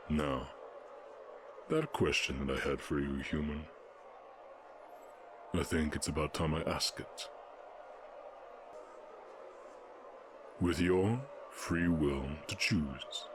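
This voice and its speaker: In a fantasy audio roleplay, a man with a very deep voice plays a stern, imposing orc warchief, making deliberate, imperious proclamations. His mood is calm and persuasive, and there is background noise.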